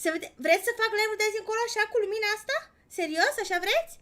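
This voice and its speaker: A woman live-streaming in casual chat with her viewers, excitable, swinging between loud outbursts and quiet murmurs and gushing thanks to donors. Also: very high voice.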